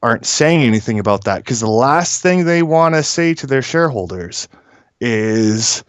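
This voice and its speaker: Opinionated and blunt, a guest caller offers casual commentary on the industry, stumbling through it with many filled pauses. He speaks at a medium pitch, sounds expressive, and the recording is clean without echo.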